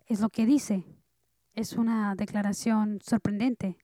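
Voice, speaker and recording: A woman pastor preaching a sermon earnestly, dropping soft and then rising loud. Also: medium pitch, fairly even intonation, slow pace, dry recording.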